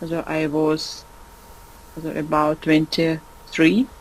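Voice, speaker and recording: Woman, 40s, native Russian speaker, Austrian-tinged accent, hesitant and slow, searching for words, faint noise behind. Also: sits low, monotone, rough recording. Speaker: student. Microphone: video call.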